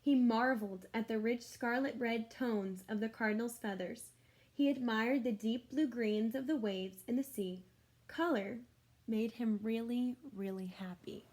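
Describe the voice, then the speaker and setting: A female teacher with a higher-pitched voice reads a picture book aloud to children, expressive, chatty and explanatory. She addresses her listeners directly and speaks a little slowly.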